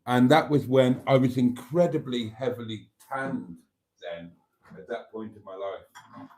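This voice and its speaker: Poor audio captures a livestream host, an older man from Wales who grew up speaking Welsh, as he chats wryly and rambles through viewer comments. His voice is mid-range, a little mellow, and measured in pace.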